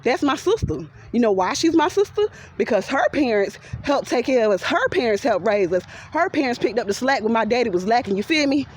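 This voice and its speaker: A woman's voice: fairly high pitch, animated, a little fast, few pauses. A woman with a Southern US accent, venting animatedly to her followers in a walking vlog, laughing often and talking straight to the viewers. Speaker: vlogger. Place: outdoors walking by a pond.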